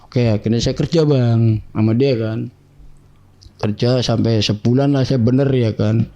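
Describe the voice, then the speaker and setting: A man telling his life story to an interviewer in a casual, animated way, acting out the dialogue of the people in it. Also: medium pitch, measured pace, muffled recording. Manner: animated, acts out quoted dialogue in other voices; keeps addressing the listener as "bang".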